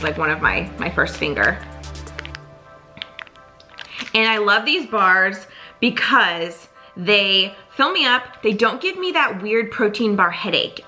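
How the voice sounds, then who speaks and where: Bright-voiced upbeat woman vlogger. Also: medium pitch. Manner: chatty, upbeat, frequent "like" fillers. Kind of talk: casual product review vlog.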